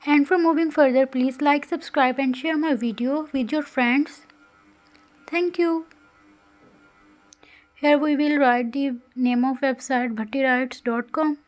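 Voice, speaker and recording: High-pitched woman teaching. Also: fairly even intonation, measured pace, soft background music. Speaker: coding tutorial host. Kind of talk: scripted screen-recorded tutorial narration.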